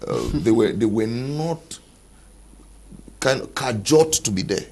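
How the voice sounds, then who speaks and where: Gravelly, husky man debating. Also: mid-range voice, animated, a little slow, a little mellow. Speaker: panelist. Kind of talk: studio panel debate.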